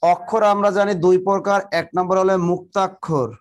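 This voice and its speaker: A man with a high-pitched voice teaches a live online class and dictates the same definition again and again. He keeps telling students to write quickly and greets viewers by name as they join. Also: steady tone. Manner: repeats definitions slowly for students to write down, urging them to hurry; talks to viewers directly, greeting them by name and district. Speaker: exam-prep teacher.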